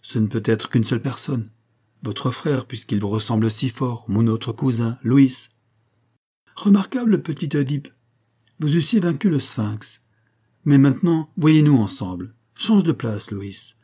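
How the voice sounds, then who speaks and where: Teasing young gentleman, read by a man, lively, husky, storybook. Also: medium pitch, a little slow. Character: confident young male mill owner, teasing.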